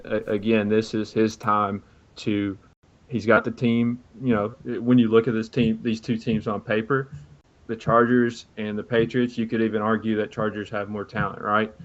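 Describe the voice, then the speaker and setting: This man co-hosts a sports podcast, chatting loosely about football with plenty of fillers and false starts. His lowish voice barely moves in pitch, he speaks at a normal speed, and the mic audio is dull and lo-fi.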